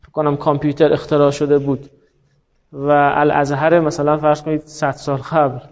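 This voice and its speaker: A man's voice: on the high side, completely flat delivery. A man teaching a grammar class, explaining patiently, quizzing his students and drawing out the words he quotes. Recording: muffled lo-fi classroom recording.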